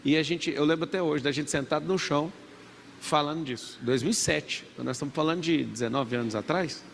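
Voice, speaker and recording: Brazilian man in his thirties, gravelly and a touch high, emphatic motivational speaker, reverberant hall with faint noise. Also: fairly quick. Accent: Brazilian Portuguese. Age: 30s. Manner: emphatic, preachy, has the crowd repeat after him. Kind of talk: motivational talk to a live audience. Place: large event hall.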